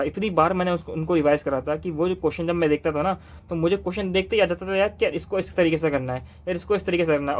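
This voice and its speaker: A young man from Delhi giving exam study advice to camera in fast, insistent casual talk, repeating points with rhetorical questions. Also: on the high side. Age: young adult.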